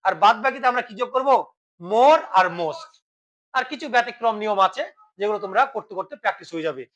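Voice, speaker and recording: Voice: medium pitch, lively intonation, quick pace, fairly bright tone, rough recording. A teacher giving a classroom grammar lesson, asking questions and then answering them, and spelling words letter by letter.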